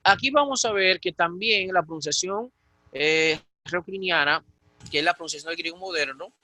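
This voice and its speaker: A man's voice: high voice, brisk, pushed and bright, no echo, poor audio. A man from the Dominican Republic teaching a recorded lesson on Greek pronunciation, explaining step by step with frequent fillers and restarts. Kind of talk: recorded lecture.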